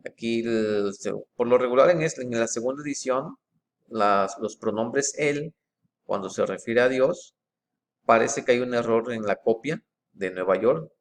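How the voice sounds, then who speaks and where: A man, methodically comparing book editions in an informal walkthrough. He reads passages aloud and pauses often with fillers and restarts. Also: mid-range voice, a little hiss or hum.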